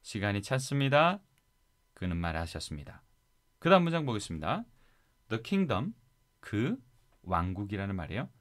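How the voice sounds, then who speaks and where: A man with a Korean accent teaching English Bible verses in a lively classroom style, coaxing listeners to repeat after him. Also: lowish voice, moderate pace, long pauses.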